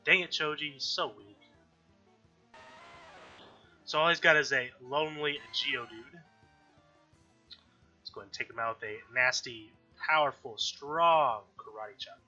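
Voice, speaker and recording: Speaking at an unhurried pace with frequent pauses, a man with a mid-range, bright and forceful voice hosts a let's-play, casually chatting as he plays. Allergies leave him sounding stuffy and a bit nasal, and he keeps correcting himself and clearing his throat. The recording is lo-fi and dull, with faint music behind him.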